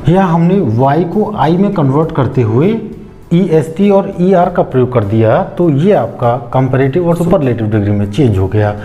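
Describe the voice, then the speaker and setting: A man, an English teacher explaining grammar slowly, step by step, and asking rhetorical questions as he goes. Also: on the high side, expressive, warm tone, highs cut off.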